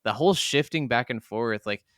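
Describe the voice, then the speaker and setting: In clean studio sound with no echo, a man co-hosts a podcast about video games, talking casually with enthusiasm and emphasis and swearing freely. His mid-range voice is smooth and fairly bright, at a moderate pace.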